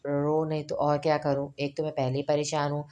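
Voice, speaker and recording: A woman's voice: low-pitched, monotone, fairly quick, dark tone, close to an everyday voice. Woman reading as a pouting young wife. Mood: upset.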